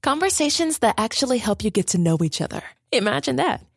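A woman's voice: fairly high pitch, sing-song, brisk, gravelly, husky, no room sound, clean studio sound. A woman reading a scripted advertisement in an upbeat, persuasive way. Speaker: ad reader. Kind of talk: scripted ad read.

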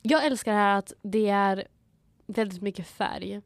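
A woman's voice: mid-range voice, no room sound. A young woman co-hosting a podcast, talking in a reflective way and dropping English phrases into her speech. Her voice sits in a mid range. The recording is dry and close. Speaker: podcast co-host. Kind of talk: casual chat.

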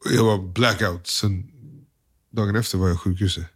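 A young man, an interview guest, telling a hard personal story in a subdued, halting way, full of slang and quoted dialogue. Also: low-pitched, fairly even intonation, husky.

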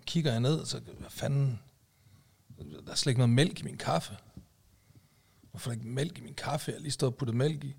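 A man's voice: mid-range voice, vocal fry, a little mellow. A man co-hosting a casual podcast chat, telling long stories full of fillers. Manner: rambling storyteller, many fillers and "du ved, ikke?". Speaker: podcast co-host.

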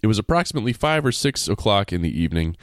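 A man's voice: fairly low pitch, very animated, rapid-fire, no room sound, clean studio sound. A man co-hosting a casual podcast, reading a story aloud with playful jokey asides. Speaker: podcast co-host reading stories.

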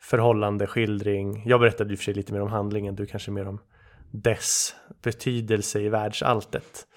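A man's voice: lowish voice, flat delivery. A man co-hosting a casual music podcast, chatting and reading out a short prepared piece with theatrical emphasis. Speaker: podcast co-host.

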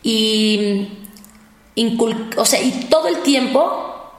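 Guest spot: animated Mexican mom in casual chat, quick to act out her kids' voices, recorded in an echoey room. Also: a little high. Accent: Mexican Spanish. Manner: animated, acts out her children's voices in quotes. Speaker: guest, mother of two.

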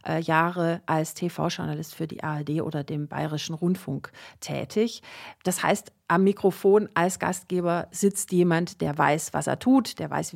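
Gravelly, lowish-voiced woman presenting. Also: a little mellow. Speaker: podcast co-host. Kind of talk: informal podcast presentation.

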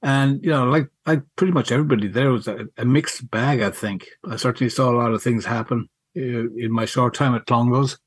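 A middle-aged man, reminiscing casually in a halting, wry way and repeating words as he goes. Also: medium pitch, steady tone, husky, no echo. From County Mayo, Ireland. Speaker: podcast guest, school alumnus.

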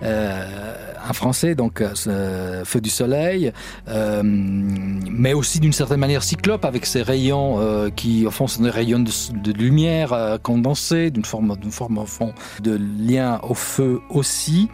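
A man giving conversational analysis on a podcast in a halting, self-repeating way. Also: mid-range voice, expressive, mellow, faint music behind. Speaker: podcast commentator.

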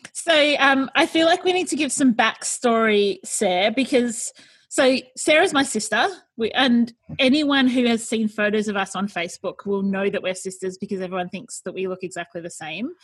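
A woman's voice: a little high, moderate pace, a bit bright. An Australian-accented woman hosting a podcast in a casual, chatty interview style. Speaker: podcast host.

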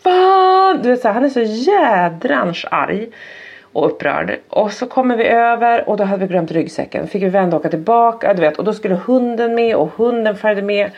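A woman's voice: medium pitch, expressive, gravelly. A woman chatting casually, animatedly retelling a hard morning with her son and acting out his outbursts. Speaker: podcast guest telling a parenting story. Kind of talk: casual chat. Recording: slightly dull lo-fi sound.

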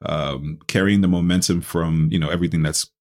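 Man, very deep voice, from New York, relaxed, lots of fillers. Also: fairly quick. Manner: relaxed, many fillers and repeated words. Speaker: guest chef. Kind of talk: casual interview.

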